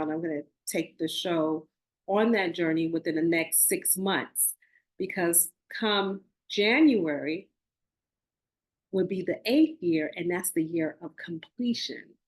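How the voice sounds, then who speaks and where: A woman's voice: fairly low pitch, a little slow. A woman in her forties hosting a spiritual podcast, talking earnestly to her listeners and often restarting and correcting herself. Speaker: podcast host. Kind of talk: casual spiritual talk.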